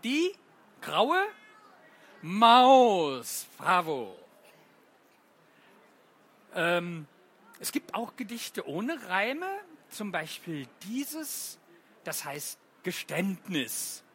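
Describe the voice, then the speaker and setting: A teacher reads playful rhymes to a group of children, drawing each line out very slowly. The voice swoops high and low in a sing-song way and stays bright and clear throughout. Questions to the listeners are mixed in between the verses. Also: very animated, slight background noise. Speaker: teacher reading poems to children. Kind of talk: playful poem reading and quizzing.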